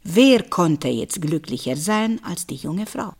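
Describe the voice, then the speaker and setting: A woman reading a fairy tale aloud in an expressive, animated storytelling manner. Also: lowish voice, a little slow, husky.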